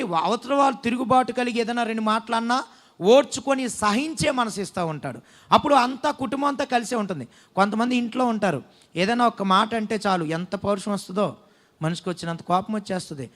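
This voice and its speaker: High-voiced man preaching a sermon. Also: fairly bright tone. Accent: Telugu. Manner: preaching with call-and-response scripture reading. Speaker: pastor. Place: church hall.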